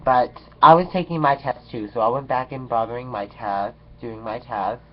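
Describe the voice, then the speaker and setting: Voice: medium pitch, normal speed, dull audio. A vlogger telling a story in a sassy, dramatic way, swearing freely and tossing in "okay" between lines. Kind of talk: casual storytelling rant.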